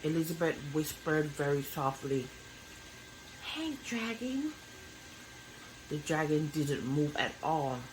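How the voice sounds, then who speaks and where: A woman reading a children's bedtime story aloud as an expressive narrator. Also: deep voice, moderate pace, few pauses, noisy background.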